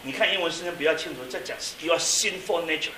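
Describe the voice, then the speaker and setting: A man preaching a sermon as a pastor, telling a story and swinging from quiet asides to loud exclamations. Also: fairly high pitch, fast talker. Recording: echoey hall, mic at a distance, faint hiss.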